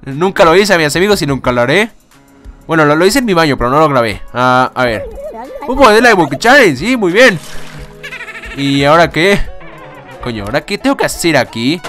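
A young man casually commenting on a game, excitable, swearing and laughing often. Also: on the high side, fairly quick, soft background music. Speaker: gaming YouTuber. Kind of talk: casual let's-play commentary.

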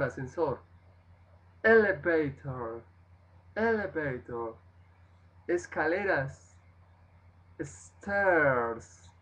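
Male language teacher, very slow and deliberate, drills words one by one on a live stream. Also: a little high, highs cut off. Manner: slow, repeats each word, switches between languages. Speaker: English teacher. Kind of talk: vocabulary lesson, livestream.

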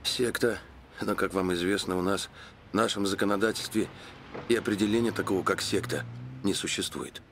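A man's voice: low-pitched, brisk, a bit bright, a little hiss or hum. An actor in his forties playing a grave, earnest police official giving a formal briefing in a film drama. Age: 40s. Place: indoor office.

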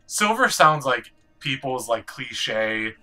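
A man's voice: mid-range voice, sing-song, slow, sharp tone, soft background music. A man doing casual, jokey game commentary as a co-host, riffing as he goes. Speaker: gaming video co-host.

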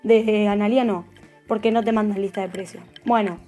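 A woman's voice: medium pitch, fairly even intonation, a little fast, warm tone, faint music behind. A young woman with an Argentine accent, teaching a live nail tutorial in a chatty way, checking in with "¿sí?" after nearly every point. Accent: Argentine Spanish. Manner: chatty, keeps asking "¿sí?".

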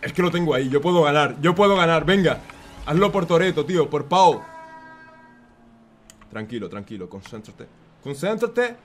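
A young man giving excitable, self-mocking commentary while playing a racing game. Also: a little high, a little fast, slight background noise. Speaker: gaming YouTuber.

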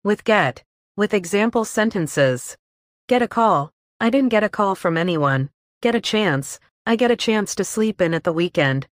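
A woman slowly reading a list of English phrases, each followed by an example sentence. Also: mid-range voice, expressive, no room sound, studio quality. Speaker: English teacher.

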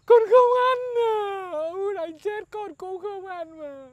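A woman's voice: extremely high pitch, slow pace, muffled recording, crowd noise. A woman playing a young male house servant who whimpers, stammers and pleads in a slapstick comedy film. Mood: pleading.

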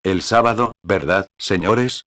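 A man reading a calm, kindly king. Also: lowish voice, slow. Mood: measured. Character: calm warm-hearted middle-aged king. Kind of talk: audiobook reading.

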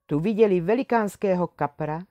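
A woman reads a classic fairy tale aloud, calm and measured. Her voice is low and mellow, and the recording is close and dry with no room sound. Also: no room sound. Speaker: storyteller.

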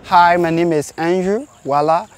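A man's voice: high-pitched, normal speed, smooth. Earnest Liberian man outdoors. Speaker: refugee, organization member. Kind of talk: documentary interview. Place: outdoors among trees.

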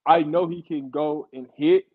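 Guest analyst man, fairly high voice, insistent and explanatory, dull lo-fi line. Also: steady tone, measured pace. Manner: explanatory, insistent, repeats himself to make a point. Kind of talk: casual sports talk show.

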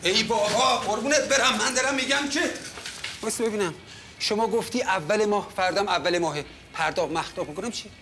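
An actor playing a pushy, smooth-talking male building manager who keeps pressing a tenant for money with insistent, coaxing talk. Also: sits high, bright, forceful tone, a little hiss or hum. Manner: wheedling, insistent, calls others "dear". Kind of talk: Persian TV comedy series acting.

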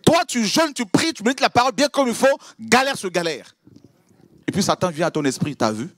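A man preaching a sermon, acting out prayers and exchanges with God, swinging from loud outbursts to hushed asides. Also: sits high, a little fast, no echo, studio quality. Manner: animated, acts out prayers and dialogues with God.

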